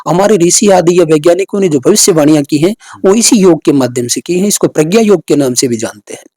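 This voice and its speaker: Calm, mellow male yoga teacher. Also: fairly high pitch, no room sound. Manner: calm, measured, lecturing. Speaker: meditation and yoga course teacher. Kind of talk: explanatory interview answers.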